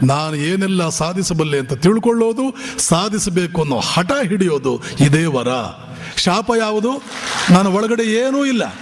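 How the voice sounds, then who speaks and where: A monk from the Bijapur region of north Karnataka delivers a spiritual discourse in a high-pitched voice with lively intonation and an unhurried pace. Impassioned, he fires scolding rhetorical questions at his listeners, and a long hall reverb fills the recording.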